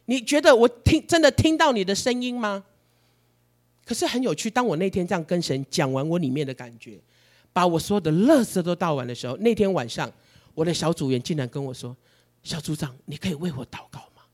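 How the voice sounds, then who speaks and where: A man preaching a sermon, telling his story in an animated, emotional way. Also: high voice, fairly quick.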